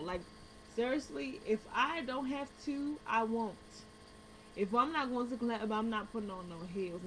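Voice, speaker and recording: A woman's voice: medium pitch, poor audio. A young American woman telling a personal story casually to viewers, blunt and slangy, swearing freely and acting out the dialogue. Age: young adult. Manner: animated retelling, acting out dialogue. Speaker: vlogger telling personal stories. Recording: background hum and room noise.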